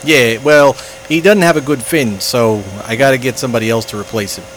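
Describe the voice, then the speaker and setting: A man's voice: mid-range voice, brisk, fairly bright tone, slight background noise, lightly acted, low-quality recording. A man voicing an eager male fish coach who trains a basketball team, in a put-on New York accent. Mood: rueful. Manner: boastful, rambling.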